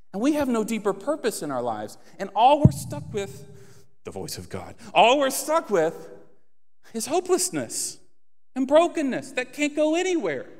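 A pastor in his thirties with a high, darkish voice preaches passionately into a handheld mic, building toward emphatic exhortation. The church stage recording has long hall reverb.

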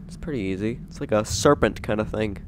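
A man hosting a gaming channel, giving jokey, excitable let's play commentary and talking to himself. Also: lowish voice, fairly quick, slight background noise.

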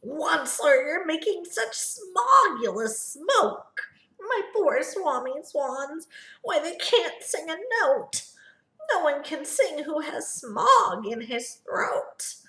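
A woman voicing a small, grumpy old male forest guardian who scolds in a croaky, querulous voice and keeps coughing. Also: sits high, big pitch swings, takes it slowly, pushed and bright, pitched above the performer's own voice, heavily acted. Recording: echoey room.

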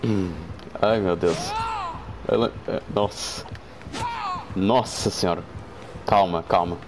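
A young man with a Brazilian Portuguese accent, casually commenting on his gameplay, excitable and joking, a bit groggy from medication. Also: deep voice, takes it slowly, background noise. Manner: excitable, yelps and jokes at the game. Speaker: gameplay streamer.

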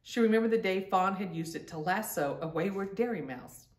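Reading aloud to children fairly quickly at medium pitch, a middle-aged storytime host fills an indoor home room. The distant-mic recording has a roomy sound.

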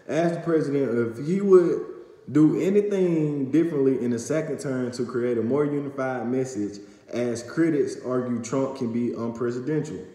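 Speaking in a mellow, medium-pitched voice, a young man stumbles and fills pauses as he reads a news recap to his phone camera at arm's length. The small room at home sounds echoey, with a long reverb tail.

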